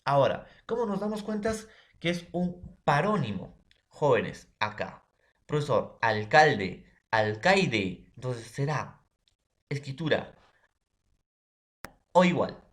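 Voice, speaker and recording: A man, from Peru, presenting a lesson in class in a halting way, stopping often to address the teacher and classmates and to check they follow. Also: on the high side, sing-song. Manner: keeps addressing teacher and classmates between phrases; halting, many fillers and checks for understanding.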